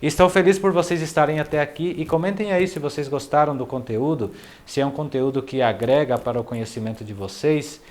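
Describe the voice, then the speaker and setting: Man teaching phrases slowly and clearly. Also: a little high, darkish tone. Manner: repeats phrases slowly and carefully, then explains in quick asides; friendly, addresses viewers directly. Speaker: language teacher. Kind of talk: casual online language lesson.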